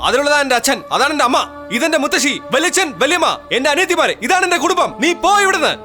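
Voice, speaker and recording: A fierce, devoted grandson. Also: male voice, very high-pitched, big pitch swings, moderate pace, exaggerated voice. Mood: dismissive. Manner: forceful, commanding. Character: fierce young village man, devoted grandson. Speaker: young hero of the family. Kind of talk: Malayalam film dub. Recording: film soundtrack with loud music.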